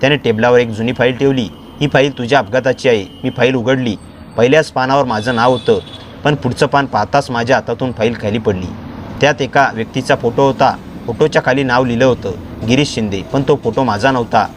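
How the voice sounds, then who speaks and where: A man narrating a dramatic first-person story in a steady, scripted storytelling voice. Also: medium pitch, brisk, a little hiss or hum.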